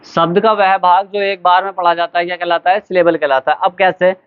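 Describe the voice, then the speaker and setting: Here a male teacher, his voice high, clear and smooth, runs a classroom grammar lesson in a flat delivery. He quizzes the students, supplies his own answers, and slowly spells words letter by letter. The audio is thin and tinny, much like a phone line.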